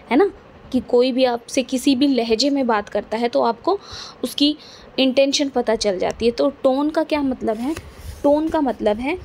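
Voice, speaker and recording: A woman with a high, warm voice explains physics to students in a classroom lecture, with slight background noise. Her manner is patient and repetitive, and she checks their understanding often.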